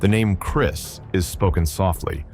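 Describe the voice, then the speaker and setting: Low voiced guy doing spooky scripted narration, bit of music under it. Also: unhurried, a little mellow. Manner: ominous, suspense-building. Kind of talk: scripted true-crime narration.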